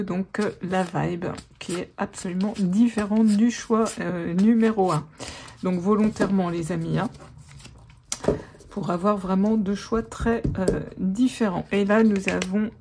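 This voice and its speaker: A woman's voice: medium pitch, dark tone, a little hiss or hum. A woman giving a casual tarot guidance, chatty, with many fillers and restarts. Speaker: tarot reader.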